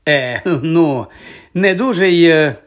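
A man doing a vain, self-important wizard professor from a storybook, his voice jumping high as he stammers and hedges. The tone is husky and a little breathy. He lectures pompously between his nervous fillers. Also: expressive, moderate pace, lo-fi sound. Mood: flustered, evasive. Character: vain flustered male celebrity wizard professor.

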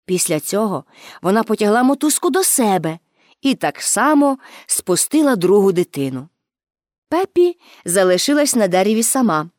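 Lady reading a kids story out loud, really expressive w/ dramatic pauses, dry close sound. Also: medium pitch, no echo. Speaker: narrator. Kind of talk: storybook narration.

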